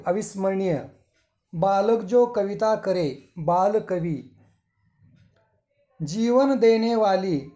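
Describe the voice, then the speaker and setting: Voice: mid-range voice, mellow, echoey room. A school teacher giving a recorded Hindi grammar lesson, reading word lists aloud one by one and adding short English glosses. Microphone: screen-recording voice-over.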